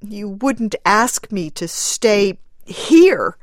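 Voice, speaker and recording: A woman's voice: on the high side, very animated, slow, dry recording, pitched above the performer's own voice, full character voice. A woman voicing a grieving young mother in mourning, pleading in a choked, wild voice. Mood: anguished.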